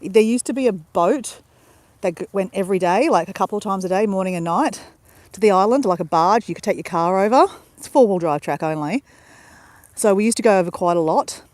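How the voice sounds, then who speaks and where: An Australian woman rambles cheerfully to her live-stream viewers from a beach at sunrise. Her voice sits in a middle pitch and sounds dry and close on the phone mic. She talks straight to the audience in a loose, chatty way. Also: a little fast, darkish tone, no echo. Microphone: handheld phone camera.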